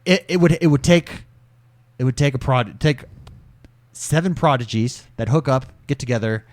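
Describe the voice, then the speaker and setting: Young male podcast co-host, mid-pitched, jokey and opinionated, dry close mic. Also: moderate pace, no echo. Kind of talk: casual chat.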